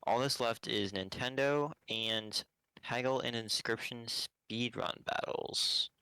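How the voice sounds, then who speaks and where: A man's voice: medium pitch, takes it slowly, pushed and bright, clear, resonant tone, no echo. A man co-hosting a casual gaming podcast, hesitant and steering away from touchy topics. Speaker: podcast co-host. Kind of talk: casual chat.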